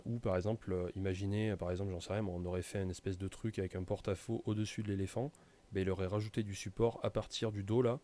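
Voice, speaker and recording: Low-voiced man explaining software. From France. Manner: casual, many hesitations and fillers. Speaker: tutorial presenter. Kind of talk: screen-recorded software tutorial.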